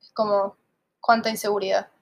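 A woman's voice: medium pitch, level tone, fast. A woman from Argentina with an Argentine accent, co-hosting a podcast in chatty, casual conversation with playful asides. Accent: Argentine Spanish. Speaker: podcast co-host.

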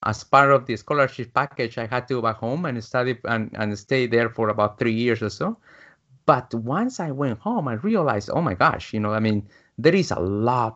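Heard through dull, lo-fi sound, a Guatemalan business coach in his fifties tells his life story as an interview guest. His voice is medium-pitched with a fairly bright tone, and he restarts often and uses many fillers.

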